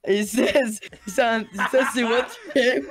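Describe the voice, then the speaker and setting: A man's voice: very high voice, fairly even intonation, measured pace, over music. A young man chatting during a game, playful and self-mocking. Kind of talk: casual gaming chat.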